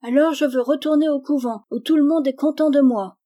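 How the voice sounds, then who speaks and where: A woman's voice: high voice, steady tone, fairly quick, dark tone, pitched above the performer's own voice, close to an everyday voice. A woman voicing a spoiled, sulky young girl who whines and pleads, reading a storybook. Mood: whining. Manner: whiny, petulant pleading.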